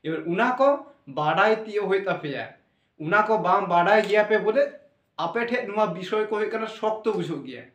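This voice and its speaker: A male teacher with a notably high voice steps through a lesson, spelling out letters one by one and putting questions to the class that he then answers himself. He sits back from the microphone, so the sound is thin and distant, and it rings around an echoey room. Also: brisk, a bit bright. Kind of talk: classroom-style lesson explanation. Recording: echoey room, voice away from mic.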